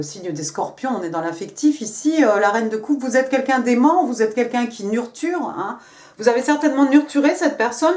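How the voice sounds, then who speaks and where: A woman's voice: fairly high pitch, a little mellow, a little hiss or hum. A woman giving a casual tarot reading to camera, chatty and full of fillers, speaking directly to her viewers. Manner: chatty, many fillers and hein. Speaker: tarot reader. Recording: echoey room.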